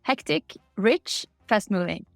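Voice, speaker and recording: A woman's voice: medium pitch, expressive, takes it slowly, gravelly, no room sound, faint music behind. A middle-aged woman from Norway with a Norwegian accent, answering interview questions in a candid, upbeat way over a remote call. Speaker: guest.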